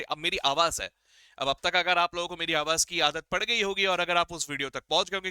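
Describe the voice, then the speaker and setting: High bright-voiced guy teaching accounting, jokey, quizzes people and answers himself, smooth clear voice, dry sound. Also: no echo. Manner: playful, quizzes his viewers and answers for them; mixes English phrases into his Hindi. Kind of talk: classroom-style lecture.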